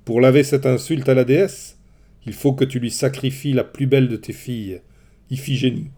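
A man's voice: mid-range voice, measured pace, dark tone, lightly acted. A man voicing a dry, stern old male seer who speaks in curt pronouncements in a storybook reading.

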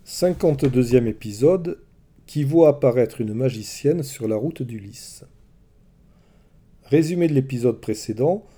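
Dark-toned man narrating a tale. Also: medium pitch, slightly rough. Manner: measured, expressive storytelling. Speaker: storyteller. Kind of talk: scripted narration.

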